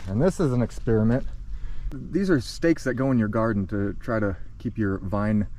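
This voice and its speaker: A man's voice: lowish voice, moderate pace, warm tone, a little hiss or hum. A man hosting his own channel, walking outdoors and talking casually, a little out of breath, rambling and correcting himself as he goes. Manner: rambling, self-correcting, offhand. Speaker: channel host. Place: outdoors by a pond.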